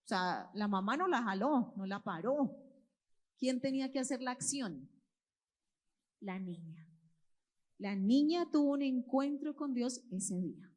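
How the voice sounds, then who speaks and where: Brief: woman, somewhat high voice, lively storytelling preacher for kids and parents. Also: measured pace, pauses often. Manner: expressive, quizzes the listeners. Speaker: children's church teacher. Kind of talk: storytelling sermon to families. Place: church hall with children present.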